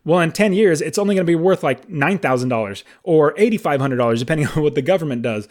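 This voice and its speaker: Man in his late thirties, solo podcast host, slightly high voice, eager and chatty. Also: lively intonation, fast, darkish tone. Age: 30s. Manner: enthusiastic, conversational, emphatic asides.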